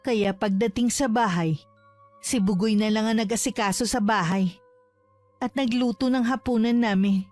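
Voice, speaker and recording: A woman reads a horror story in a steady, measured voice, pitched a little high. Faint music plays beneath her narration.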